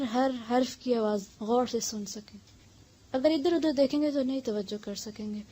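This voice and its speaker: A woman teaching Quran recitation online, patiently correcting a student and slowly repeating words for her to copy. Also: on the high side, mellow.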